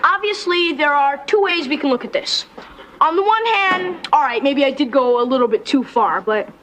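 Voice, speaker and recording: An awkward teenage boy rambles through excuses. His voice sits high and unbroken. A clear hiss runs under this old TV recording. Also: expressive, normal speed. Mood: sheepish. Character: sheepish teenage boy short on money. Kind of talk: sitcom acting.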